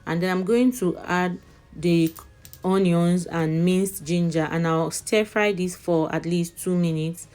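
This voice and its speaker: Casting: woman, slightly low voice, chatty cooking vlogger talking viewers through steps. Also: fairly even intonation, measured pace, a little mellow. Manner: chatty, addresses viewers as "you guys" often. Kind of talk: casual recipe narration.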